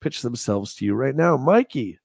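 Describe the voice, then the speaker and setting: A man's voice: medium pitch, moderate pace, vocal fry, no room sound, clean studio sound. A man with a stuffy, nasal voice hosting a casual live stream and chatting with his guests. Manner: upbeat, animated presenter. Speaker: livestream host. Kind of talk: casual chat.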